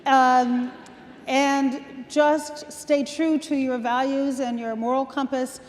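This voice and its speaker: A woman in her sixties speaks as a guest at a luncheon event, telling personal stories and laughing lightly between points. Her voice sits high, and it carries a long reverb from a large hall. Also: flat delivery, slow, slight background noise. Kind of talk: onstage conversation.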